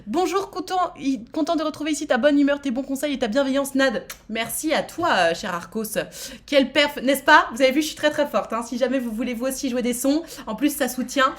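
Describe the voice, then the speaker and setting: A woman's voice: high-pitched, fairly quick, fairly bright tone. A woman from France hosting a live-streamed speed dating show, chatting casually and playfully with many fillers.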